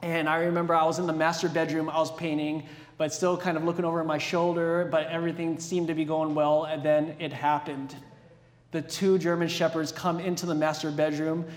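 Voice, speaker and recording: A man preaching a sermon and telling a personal story in an animated, self-deprecating way. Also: a little high, normal speed. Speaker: pastor. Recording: echoey hall with long reverb.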